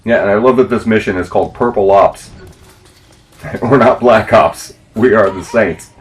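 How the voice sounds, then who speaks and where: A man's voice: lowish voice, normal speed. A man giving casual walkthrough commentary as he plays a video game. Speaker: gameplay commentator. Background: quiet video game sounds.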